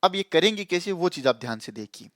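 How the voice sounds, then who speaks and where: A man's voice: high voice, animated, fast talker, a bit bright, dry recording, studio quality. A man teaching a programming lesson in a casual tone, repeating points and checking that listeners follow. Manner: explains with repetition and frequent checks on the listener. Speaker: programming tutor.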